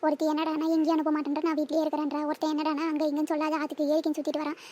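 A village mother from a cartoon scolds her children in a high, quick voice that stays on one even line, as a voice actor puts her on. She lectures on and on without pause. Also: natural voice. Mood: hurt, lecturing. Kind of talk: cartoon voice acting.

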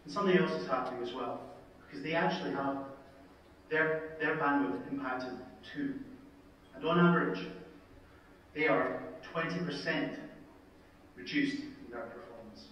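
Scottish man, emergency doctor, storytelling talk, wry dramatic pauses, slightly high voice, long hall reverb. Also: fairly bright tone, far from the mic, a little hiss or hum. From Scotland. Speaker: emergency department consultant. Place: conference hall, played from a video. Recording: video played into an echoey hall, heard from afar.

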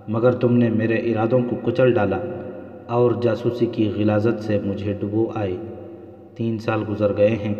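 A man's voice: fairly low pitch, natural voice. A man reading the lines of an impassioned young female spy torn between love and duty, in a dull, roomy recording. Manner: pleading, impassioned.

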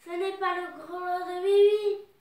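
A woman's voice: very high voice, level tone, a little slow, darkish tone. A woman reading a dainty, slightly cross cat. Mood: explaining. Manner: reading aloud to children. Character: dainty little female cat, a bit cross. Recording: echoey room, distant mic.

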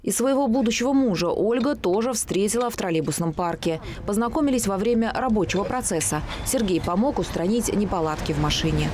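A woman reporter reading a scripted local news voice-over in an even, clear way. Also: medium pitch, fairly quick, slight background noise.

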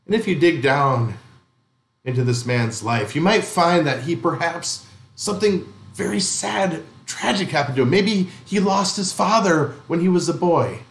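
A man's voice: fairly high pitch, animated, a little slow, creaky, roomy sound. A male pastor giving a conversational sermon, asking the congregation questions and adding light humor. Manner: conversational, gently humorous preaching with rhetorical questions. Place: church sanctuary.

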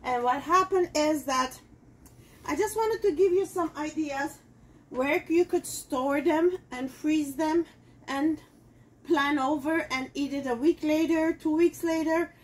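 In a rough recording, a middle-aged woman whose native language is Armenian chats through a home-kitchen cooking demo at a measured pace. Her voice is high-pitched and her phrasing loose and filler-heavy, as she hosts a show selling kitchenware.

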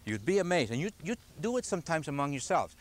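A man's voice: on the high side, big pitch swings, quick pace. An older man teaching a golf clinic outdoors, patiently asking the group questions as he explains. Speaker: golf instructor. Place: outdoors on a grassy driving range. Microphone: camcorder from a distance.

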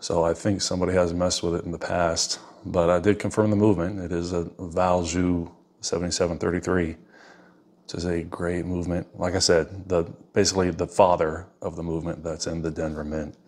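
A man's voice: deep voice, level tone, a little fast, a little mellow. A man giving a casual, rambling watch review at his desk, often calling the listener "man". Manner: laid-back, says "man" often, rambling asides. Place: indoors at a desk, off camera. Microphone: wireless clip-on mic.

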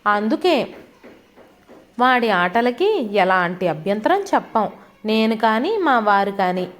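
A woman with a high voice reads a family story aloud as a scripted audiobook. She tells it in the first person, gently and with feeling. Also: sing-song, slow.

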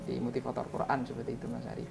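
A man's voice: medium pitch, completely flat delivery, rapid-fire, creaky. A man who is an Islamic preacher, telling a heartfelt personal story in a podcast interview and often speaking straight to the host. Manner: earnest and heartfelt, drops to hushed asides, often addresses the host directly. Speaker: Islamic preacher and Quran school founder.

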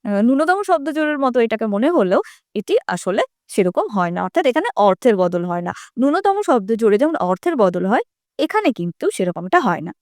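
High-voiced woman teaching a grammar lesson. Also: very animated, fast talker, a little mellow, no room sound, clean studio sound. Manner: explains step by step, asking the students questions. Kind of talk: Bengali grammar lesson for students.

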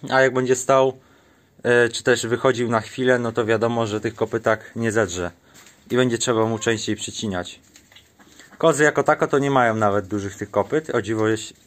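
A man's voice: mid-range voice, no echo. A man vlogging outdoors on a small farm, chatting casually to the camera and coaxing his animals in a sing-song voice.

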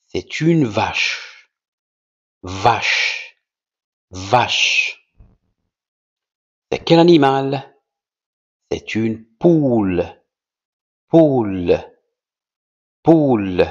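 A man giving a slow primary-school vocabulary lesson, repeating each word with careful, over-articulated pronunciation. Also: lowish voice, a little mellow, dull audio. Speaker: teacher.

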